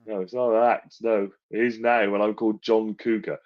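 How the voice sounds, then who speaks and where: A man talks casually in a fairly low voice. He sounds tentative and wry, picking through his opinions as a panellist. The audio is a little dull and lo-fi. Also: level tone, normal speed. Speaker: panellist on a music album show. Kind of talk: casual chat.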